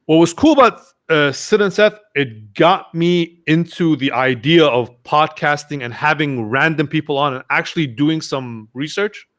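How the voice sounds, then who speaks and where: A man's voice: on the high side, moderate pace. A young man, a podcast guest, telling casual stories and acting out what his friends said. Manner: animated, acts out quoted friends. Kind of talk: casual storytelling interview.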